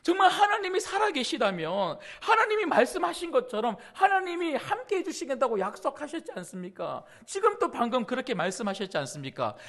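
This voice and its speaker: A man's voice: extremely high pitch, fairly bright tone, exaggerated voice. A man preacher voicing a troubled young man who questions God in plain pleading words.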